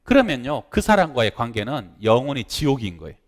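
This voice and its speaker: Male senior pastor, expressive storytelling preacher, church hall echo. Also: mid-range voice, a little fast. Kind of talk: sermon. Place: church sanctuary. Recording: long hall reverb.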